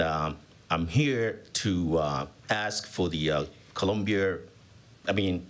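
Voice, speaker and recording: A man from Tanzania, a business professor, giving halting public testimony with many fillers at a county hearing. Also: sits low, fairly bright tone.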